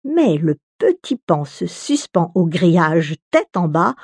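A woman reading a fairy tale aloud in an expressive storybook manner. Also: on the low side, breathy edge, dry recording. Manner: expressive, slow storybook delivery.

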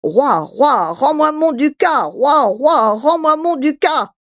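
A woman voicing a small, plucky, stubborn cockerel in a high, insistent sing-song chant. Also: animated, slow pace, no echo, full character voice.

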